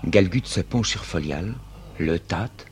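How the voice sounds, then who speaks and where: A man's voice: sits low, takes it slowly, a little hiss or hum. A man narrating the stage directions of a 1950s French radio play.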